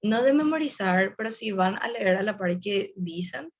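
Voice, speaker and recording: A woman's voice: mid-range voice, lively intonation, normal speed, lo-fi sound. A young woman gives a casual online webinar presentation, explaining tips and speaking directly to her audience. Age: young adult.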